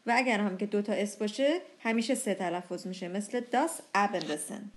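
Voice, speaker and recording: In her language lesson, a young woman with a mid-range voice patiently walks through pronunciation, deliberately slowing on each example word.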